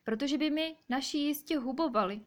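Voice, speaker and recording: A woman voicing a small young male hedgehog in a children's story, with a high childlike voice. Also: natural voice. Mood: worried.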